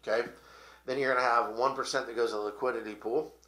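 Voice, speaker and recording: Talk show host, man, bright voice, rambling explainer, echoey room. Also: mid-range voice, fairly even intonation, fast talker. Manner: rambling, explains with fillers and restarts. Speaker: podcast host. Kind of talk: casual crypto talk show chat.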